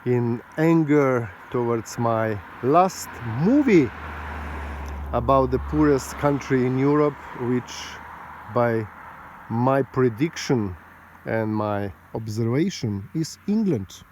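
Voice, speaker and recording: A man with a mellow, darker tone addresses his viewers unhurriedly from outdoors above a valley. He rambles and argues with indignation, drifting between points. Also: medium pitch, lively intonation, slow pace, slight background noise. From Slovenia. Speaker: vlogger. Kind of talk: casual monologue to camera. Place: outdoors overlooking a mountain valley road.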